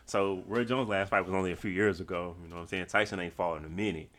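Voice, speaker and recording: This is a man with a very low voice, co-hosting a casual podcast. He talks in a laid-back way, full of slang, and he swears freely. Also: steady tone, fast talker, a bit bright, slight background noise. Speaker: podcast co-host. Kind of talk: casual chat.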